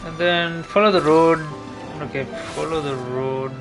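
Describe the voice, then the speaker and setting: Streaming a game, a man thinks aloud about his route in a casual, hesitant manner. His voice is fairly high, steady in tone and measured in pace, with video game music playing behind it.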